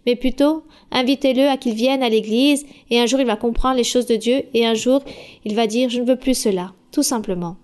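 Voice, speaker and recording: A woman church leader answering questions at a Bible study, calm, direct and instructive. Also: on the high side, fairly quick.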